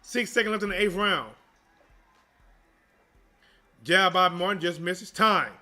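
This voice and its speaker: Male fight streamer, high and bright voice, informal slangy delivery, live boxing play-by-play. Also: moderate pace. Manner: slangy, informal, chatty with viewers. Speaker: boxing livestream commentator and channel host.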